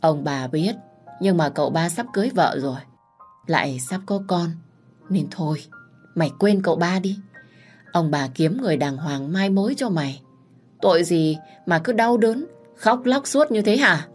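A woman's voice: on the low side, moderate pace, a little mellow, faint music behind, lightly acted. Woman voicing an older, commanding matriarch. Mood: firm. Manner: commanding, then soothing. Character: older mother-in-law, mistress of the house, firm.

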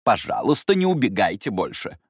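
A man voicing a strict woman nanny who speaks in a stern, brisk, instructive way. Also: on the low side, sing-song, dry recording, clean studio sound. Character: strict adult female nanny.

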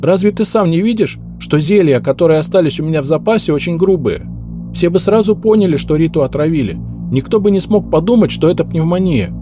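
A man voicing a frightened young female maid who pleads and makes excuses in a rushed, tearful way. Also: a little high, animated, music in the background, voice pushed up, natural voice.

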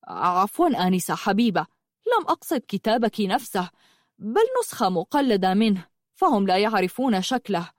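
A woman's voice: medium pitch, expressive, normal speed, dry recording, lightly acted. Lady reading as a male writer, proud and touchy, dry close sound. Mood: earnest. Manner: defensive, bursts into anger then softens. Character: flustered male novelist, proud yet gentle.

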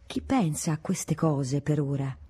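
A woman reading the part of a cold, dismissive aristocratic prince, speaking in a measured way. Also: deep voice, animated, mellow, slightly rough, heavily acted. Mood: evasive. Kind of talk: audiobook reading.

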